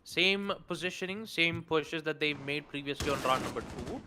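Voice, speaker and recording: A man co-casting a live shooter-game match, animated and wordy, with colorful turns of phrase. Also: on the high side, moderate pace, noisy background. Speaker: esports co-caster. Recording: game gunfire and clicks clearly audible behind.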